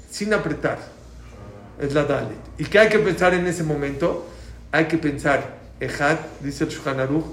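A man teaching a prayer class, explaining points and quizzing his students. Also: a little high. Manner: lively, asks the class questions, repeats key points loudly. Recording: echoey room, faint background noise.

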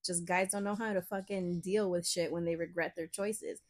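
A young woman co-hosting a podcast, telling a story in casual chat, animated and profane, often laughing. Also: fairly low pitch, normal speed. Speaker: podcast co-host.

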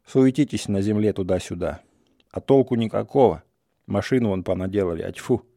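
A man voicing a calm, gruff old village grandfather who scolds in a blunt, unhurried way. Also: on the low side, no room sound, clean studio sound. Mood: gruff, scolding.

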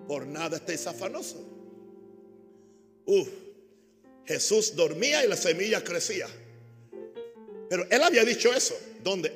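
A high-pitched male pastor delivers a sermon, calling out lines for the congregation to repeat. He shifts between loud, emphatic bursts and quiet, almost muttered asides. The voice rings out in a reverberant hall with soft instrumental music underneath. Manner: preaching with call-and-response to the congregation.

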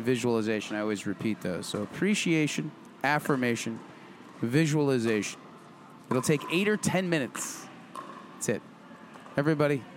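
A man's voice: on the high side, a little hiss or hum. A middle-aged man hosting a podcast, chatting casually in an upbeat, emphatic way that repeats phrases. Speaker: podcast host. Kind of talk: casual motivational podcast chat.

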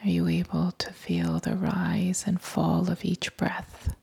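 Female meditation guide, whispered delivery, very slow pacing, breathy and gravelly texture. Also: on the low side. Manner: soft whispering throughout, calm and unhurried.

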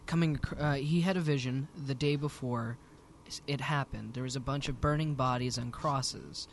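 A man's voice: mid-range voice, moderate pace, slight background noise. A man speaking hesitantly as a player in a casual tabletop game, often restarting his sentences.

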